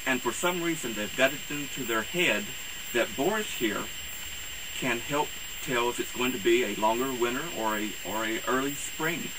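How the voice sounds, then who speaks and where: A man speaking as a campy horror host, introducing things in a rambling, halting, theatrical way. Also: mid-range voice. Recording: clear hiss and background noise.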